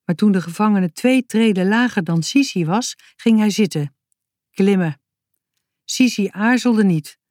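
Vrouw die expressief voorleest, middelhoge stem, droog en dichtbij. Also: female voice, medium pitch, a little slow, no echo, studio quality. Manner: lively, expressive reading. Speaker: narrator. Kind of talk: reading a children's story aloud.

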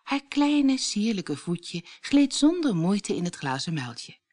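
A woman narrating a fairy tale as a storybook read-aloud, expressive and lively. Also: medium pitch, takes it slowly.

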